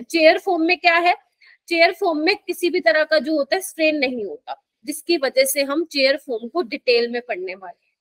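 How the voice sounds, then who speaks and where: High-voiced woman teaching chemistry. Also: a bit bright, no room sound. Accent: Indian English mixed into Hindi. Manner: patient, explains slowly and checks understanding. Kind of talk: live classroom lesson.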